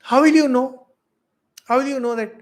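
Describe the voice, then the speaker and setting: A middle-aged Indian man with an Indian English accent, a monk giving a spiritual lecture, asking rhetorical questions with big swings in loudness. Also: extremely high pitch, steady tone, normal speed. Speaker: monk teaching spiritual philosophy.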